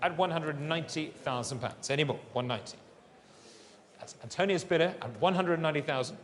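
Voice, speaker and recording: A man's voice: on the high side, brisk. A man working as a fine art auctioneer, calling and repeating bids in polished, courteous patter in a large saleroom. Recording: long reverberant hall sound.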